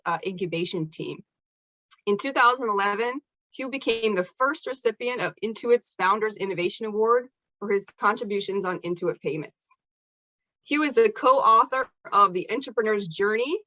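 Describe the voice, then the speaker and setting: A woman's voice: medium pitch, pushed and bright, no room sound. A woman hosting an online event, reading an upbeat introduction of the guest speaker over a video call. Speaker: event host. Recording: dry, dull lo-fi sound.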